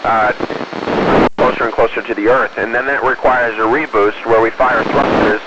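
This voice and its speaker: A man, an astronaut, answering questions over a space radio link in a measured, explanatory way with hesitant pauses. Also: mid-range voice, fairly even intonation, lo-fi sound, very noisy. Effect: space radio transmission. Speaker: astronaut aboard the space station. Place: inside an orbiting space station.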